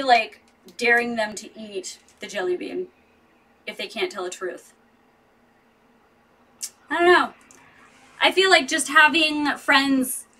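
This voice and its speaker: A woman's voice: fairly high pitch, sharp tone, distant mic. A woman in her thirties chatting casually and rambling with her viewers, laughing often. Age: 30s. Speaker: vlogger. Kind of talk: casual live chat with viewers. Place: home with street traffic outside.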